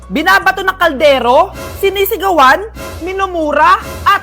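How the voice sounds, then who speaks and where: A woman acting out comedy skits, animated and scolding as she bickers through the scenes. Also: very high-pitched, normal speed. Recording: background music under voice.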